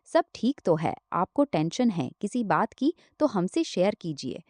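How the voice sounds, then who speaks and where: A woman's voice: lowish voice, big pitch swings, unhurried, a little mellow, no room sound. A woman voicing a caring, sensible young woman who coaxes and comforts her family in a storybook reading. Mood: concerned.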